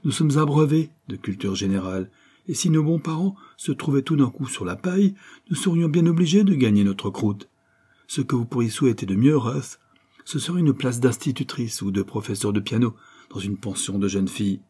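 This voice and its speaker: A man reading the part of a frank young man who argues in a brisk, sardonic way. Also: mid-range voice, lively intonation, warm tone, slightly rough. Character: frank, blunt young man, mocking lecturer.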